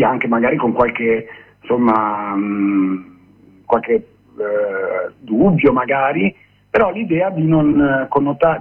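A man speaking on speakerphone over a phone line as a guest activist in a radio interview, halting with many pauses and fillers. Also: mid-range voice, creaky, breathy edge.

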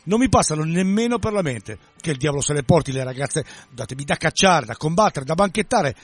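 A brash young man who sneers at girls and boasts, as a male reader puts him on. The voice sits fairly high and swings all over the place, with a slightly husky edge. He sounds excitable and cocky in this storybook reading. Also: fairly quick. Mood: scornful.

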